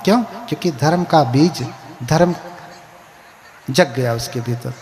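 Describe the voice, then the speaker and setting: A man's voice: a little high, measured pace, a little mellow. Man, Buddhist monk, preacherly sermon, questions the crowd, long hall echo. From India. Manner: preacherly, asks the crowd questions, chants verses. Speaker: Buddhist monk giving a katha.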